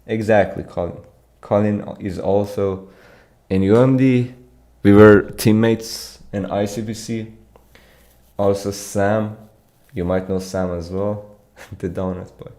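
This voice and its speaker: In a small, dimly lit room glowing pink, a young man from Iran streams competitive programming and calmly answers his live chat as he reads it aloud. His fairly low voice is slow, with long pauses, picked up by a studio mic on an arm.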